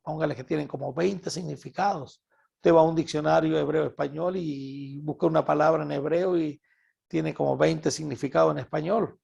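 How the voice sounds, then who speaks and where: A man from Venezuela with a Venezuelan Spanish accent, preaching a Bible study sermon in an animated way and repeating words for emphasis. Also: fairly high pitch, moderate pace, creaky, slightly rough, muffled recording.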